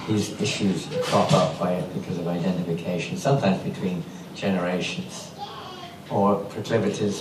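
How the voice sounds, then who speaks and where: A low-voiced man gives a relaxed spiritual talk, loose and rambling, often restarting his sentences with a chuckle. He is heard from a distance in a roomy hall, with steady noise under his voice. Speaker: spiritual teacher giving a class. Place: temple hall.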